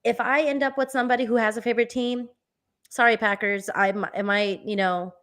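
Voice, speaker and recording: A woman's voice: fairly high pitch, steady tone, brisk, fairly bright tone. Rambling woman telling stories. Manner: rambling storyteller, heavy use of "like", swears for emphasis. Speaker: podcast co-host. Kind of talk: casual live podcast chat.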